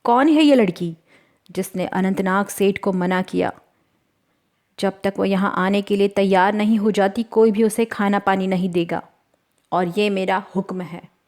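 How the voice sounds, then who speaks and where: A woman's voice: medium pitch, steady tone, a little slow, a little mellow, natural voice. A woman doing a furious landlord barking orders. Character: cruel rich landlord, an angry man.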